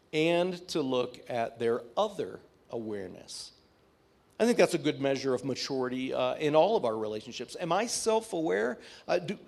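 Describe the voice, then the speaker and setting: Give me a male pastor giving a livestreamed sermon, heard through livestream audio, reading scripture aloud and often pausing on "uh". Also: medium pitch, creaky, a little mellow. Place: church sanctuary.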